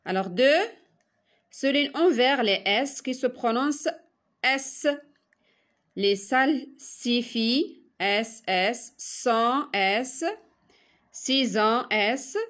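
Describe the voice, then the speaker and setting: A woman from Morocco giving a slow, careful spelling lesson to young pupils, spelling out each sound one at a time. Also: on the high side, a bit bright. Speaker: teacher. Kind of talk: primary-school spelling lesson.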